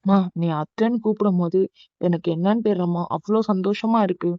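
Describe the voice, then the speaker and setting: A woman's voice: medium pitch, steady tone, fairly quick, no echo, highs cut off, natural voice. A woman voicing a scheming middle-aged aunt who pleads and pushes emotionally. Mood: pleading. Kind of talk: cartoon voice acting.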